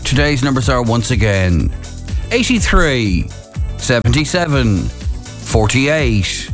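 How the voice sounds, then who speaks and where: A man's voice: mid-range voice, very animated, takes it slowly. Irish man as bingo caller, music behind. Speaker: radio presenter and bingo caller. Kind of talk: bingo caller reading out numbers.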